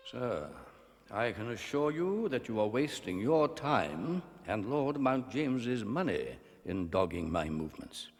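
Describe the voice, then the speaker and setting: A man playing a stern, indignant doctor in a period radio drama, formal and measured, with a husky voice. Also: mid-range voice, very animated. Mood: stern, scornful. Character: stern, indignant male doctor warning off a follower. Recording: long reverberant echo.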